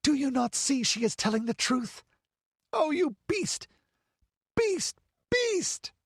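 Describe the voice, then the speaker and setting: A man's voice: extremely high pitch, big pitch swings, takes it slowly, a bit bright, no room sound, studio quality, voice pushed up, full character voice. A man voicing a fiery young noblewoman in an audiobook, crying out in desperate indignation. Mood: furious, hysterical. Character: fiery, outraged young noblewoman defying her uncle. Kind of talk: audiobook dramatic character voice.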